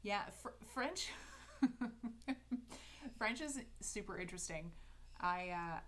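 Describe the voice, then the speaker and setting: A calligraphy livestreamer with a Canadian English accent chats casually and upbeat with her viewers as she letters, full of fillers and restarts. Her voice is mid-range, fairly bright and lively in intonation, at a slow pace, with slight background noise.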